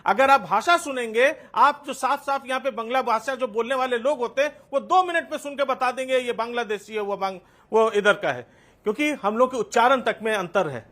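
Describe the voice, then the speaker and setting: A man's voice: extremely high pitch, a little fast, a bit bright. A man, speaking as a political panelist in a heated TV debate, pressing his point with repetitions and hesitant fillers. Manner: insistent, repeats himself, hesitant fillers.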